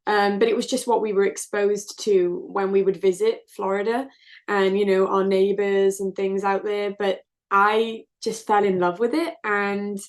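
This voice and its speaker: A woman's voice: medium pitch, little pitch movement, unhurried. A woman, a singer-songwriter answering interview questions in an earnest, reflective way. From South Wales, UK. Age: 20s. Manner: earnest, open, reflective storytelling.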